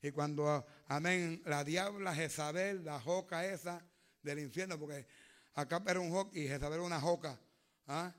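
High, bright preacher man. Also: moderate pace. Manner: fervent, swings between hushed and loud. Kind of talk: sermon.

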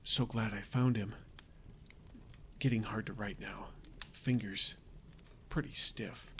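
A man voicing a frightened survivor writing his last journal entries, exhausted and cold, halting and correcting himself, sometimes dropping to a whisper. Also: on the low side, steady tone, fairly bright tone, slight background noise. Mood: frightened, fading. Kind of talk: audio drama reading of a survival journal.

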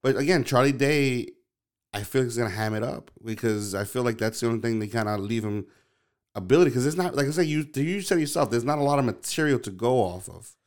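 A man talking casually with a friend, circling his point through many ums and false starts. His voice sounds smooth and clear, at a middle pitch for a man. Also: fast talker. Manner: rambling, hesitant, lots of fillers and restarts. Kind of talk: casual chat.

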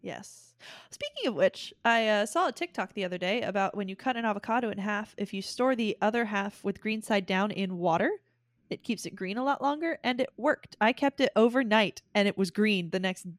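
A woman's voice: mid-range voice, fairly quick, dry recording, clean studio sound. A woman co-hosting a casual chat, explaining things in a chatty way and laughing easily. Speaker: podcast co-host.

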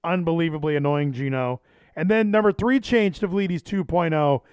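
A man's voice: on the high side, moderate pace, darkish tone. A man hosting a podcast in casual, rambling chat, often interrupting and repeating himself. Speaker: podcast and livestream host. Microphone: handheld microphone.

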